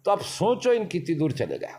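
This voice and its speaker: A man's voice: high-pitched, wildly swooping pitch, normal speed, a little mellow. Man, interview guest, emphatic, long winding explanations. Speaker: interview guest, party leader. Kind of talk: casual interview talk.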